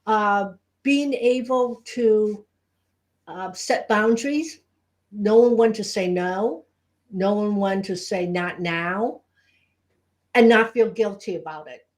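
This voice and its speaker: Female co-host and Reiki teacher, mid-pitched voice, informal live chat delivery. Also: slow, darkish tone. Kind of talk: casual chat on a live show.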